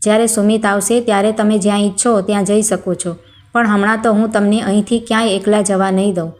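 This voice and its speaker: A woman voicing a caring, widowed older housekeeper who speaks softly and reassuringly in a storybook tale. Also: mid-range voice, steady tone, fairly quick, close to an everyday voice.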